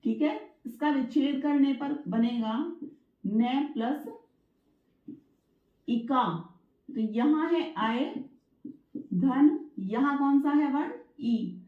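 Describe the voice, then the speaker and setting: A woman teaching Hindi grammar for exam preparation. She goes slowly, explains step by step and keeps checking in with her students. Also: high-pitched. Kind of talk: exam-prep grammar lesson. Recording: echoey room, dull lo-fi sound.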